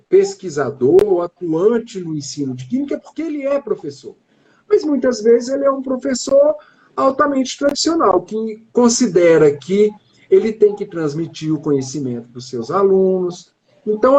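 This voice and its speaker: A man from Brazil, a chemistry professor, explaining his field in a live-stream interview with measured, drawn-out phrasing. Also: sits high, warm tone, husky.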